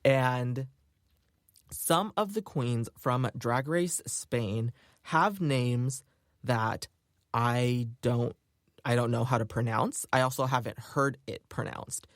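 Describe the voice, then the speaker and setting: On his casual solo podcast, a native English-speaking man chats cheerfully, filling his talk with lots of fillers. He speaks slowly in a mid-range, somewhat bright voice, captured in clean studio sound without echo.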